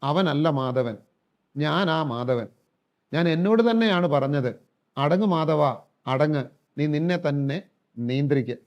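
A stern middle-aged father, put on by a man telling a story, firmly repeats the same calming phrase. His voice sits high for a man. The recording is dull and lo-fi. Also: fast talker, natural voice. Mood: hushed.

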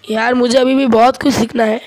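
A young male gamer, very high-pitched and a little fast, keeps up casual banter with his friend mid-game. When things turn dangerous, he becomes excitable.

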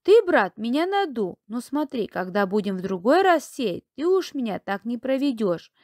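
A woman storyteller puts on a gullible peasant bear in a storybook tale. He is emphatic and indignant, with a high, swooping voice. The sound is dry. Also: big pitch swings, moderate pace, a little mellow, no echo.

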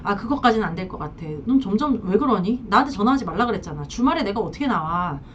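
Woman playing a married man, defensive, dismissive, curt, lively pitch. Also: quick pace, a little hiss or hum, natural voice. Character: married man, defensive and firm with his lover. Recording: dull lo-fi sound.

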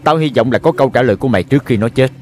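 A man's voice: mid-range voice, rapid-fire, darkish tone, faint music behind, lightly acted. An actor playing a ruthless male gang boss who interrogates his captives in a menacing, taunting way.

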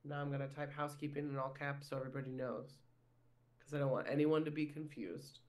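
A man's voice: medium pitch, steady tone, quick pace. A man hosting a casual sports podcast, chatty and self-deprecating, often saying "if you will". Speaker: podcast host.

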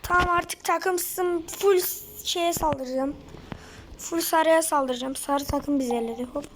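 A woman hosting a casual let's-play video with a hoarse throat, giving excitable commentary with loud sudden outbursts at the game. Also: high-pitched, measured pace, slight background noise. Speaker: gaming video host.

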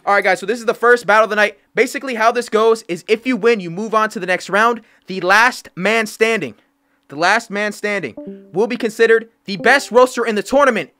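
A young man hosting a livestream, talking fast and slangy while thanking donors. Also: high voice, pushed and bright, faint music behind. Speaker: livestream host. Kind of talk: casual livestream chat.

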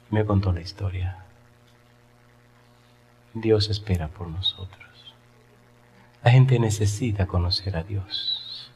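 A man preaching a sermon to a church congregation, his voice sitting at a middle pitch. He tells stories with animation and often stops to ask his listeners questions. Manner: animated storytelling, asks the audience questions. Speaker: pastor.

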